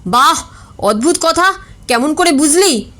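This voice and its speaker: A man's voice: very high-pitched, lively intonation, slow, pushed and bright, exaggerated voice. A woman reading a storybook voices an aggrieved, easily flustered middle-aged bachelor who complains indignantly and stammers when upset.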